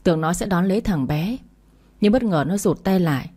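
A woman narrating a first-person family story in a steady, plain manner. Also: fairly low pitch, brisk, husky.

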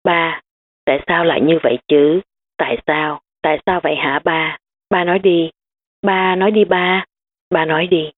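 A woman's voice: low voice, fairly even intonation, normal speed. A woman reading a tearful little girl. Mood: pleading. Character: young girl, tearful and pleading. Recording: tinny phone-like sound.

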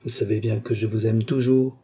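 A man's voice: on the low side, level tone, normal speed, warm tone. A man doing a mocking young villain. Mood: falsely sweet. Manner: mocking, smoothly menacing.

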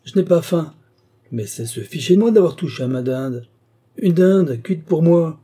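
A man voicing an irascible older country gentleman who bursts out in spluttering, indignant exclamations, for an audiobook. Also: medium pitch, sing-song, fairly quick, husky. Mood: outraged.

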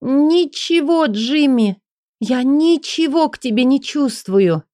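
A woman voicing a torn young woman in an audiobook, speaking high and breathless as she pleads. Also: expressive, slow, dark tone, no echo, studio quality. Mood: tearful denial.

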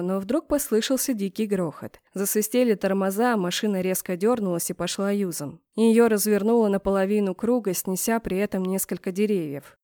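A woman reading a first-person audiobook with even storytelling that lifts for tension, close on the mic. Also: mid-range voice, dry recording. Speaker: audiobook narrator.

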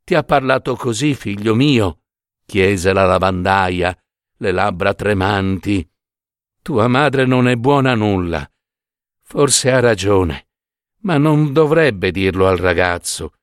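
A man's voice: deep voice, animated, slow pace, dry recording, clean studio sound, pitched below the performer's own voice. A man voicing a worn-out poor washerwoman in a storybook reading. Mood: hurt.

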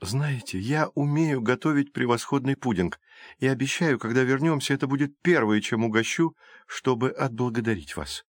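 A man's voice: mid-range voice, normal speed, no room sound, studio quality, close to an everyday voice. A man voicing an eager, brave young woman on a rescue, who pleads and exclaims with urgency. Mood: grateful, polite.

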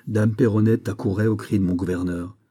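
A man reading a novel aloud as an audiobook narrator, measured and even. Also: lowish voice, slightly rough. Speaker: audiobook reader.

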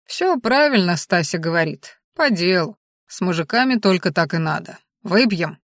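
A woman's voice: lowish voice, animated, moderate pace, no room sound. A blunt orc chief's daughter, coarse and unbothered, as a woman reads her in an audiobook. She talks plainly and firmly, with a dry, close sound.

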